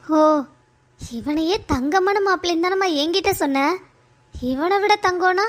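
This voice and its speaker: A woman's voice: very high-pitched, measured pace. A woman voicing a hurt young bride in a cartoon story, speaking in reproachful, accusing questions. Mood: bitter reproach.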